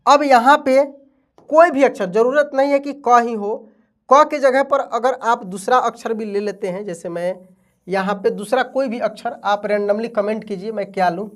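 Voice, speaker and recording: A man's voice: extremely high pitch, moderate pace. A man teaching vowel signs, who keeps asking and answering his own questions. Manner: asks and answers his own questions, calls listeners "my friend". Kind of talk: explaining Hindi letters at a board.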